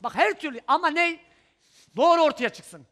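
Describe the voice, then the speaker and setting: A man on a daytime talk show, repeatedly pressing a relative and shouting in a heated studio confrontation. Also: very high voice, moderate pace. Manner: insistent, repeating himself, shouting at times. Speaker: talk show guest, uncle. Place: television studio.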